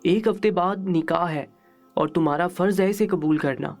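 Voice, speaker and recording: A man's voice: high-pitched, a little mellow, soft background music. A man voicing a harsh, dismissive wealthy father in a storybook reading, with a stern, curt delivery.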